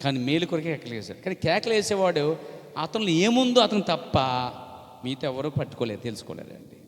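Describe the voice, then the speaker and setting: A male pastor preaches with force, driving his points home and climbing to shouted peaks. His voice sits fairly high for a man. It rings with a long reverb in a church hall. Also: very animated, a little fast. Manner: emphatic preaching, rising to shouts on key phrases. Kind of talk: sermon.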